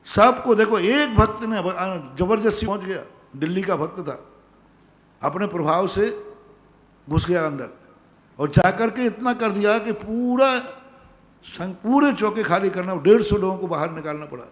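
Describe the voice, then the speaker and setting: A man's voice: sits high, expressive, measured pace, long reverb tail. A male Jain monk giving a sermon, emphatic, repeating his commands to the devotees. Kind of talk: sermon answering devotees' questions. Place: large pandal, nearly empty.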